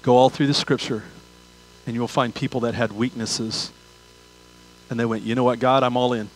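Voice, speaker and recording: An older man preaches from a large church auditorium stage in a mid-range voice with little pitch movement, at a moderate pace. His sermon is conversational, full of repeated phrases and rhetorical questions, and the poor recording has slight background noise.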